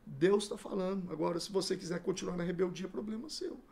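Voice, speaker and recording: A man's voice: high-pitched, fast talker, creaky, darkish tone. A middle-aged man from Brazil, a pastor, telling his life story in a podcast interview and acting out the dialogue as he goes.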